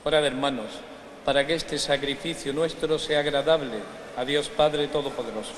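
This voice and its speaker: A man, a priest solemnly reciting the liturgy of the Mass in measured, formal phrases. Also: on the high side, steady tone. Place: large reverberant church. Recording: echoey church, long reverb, background noise.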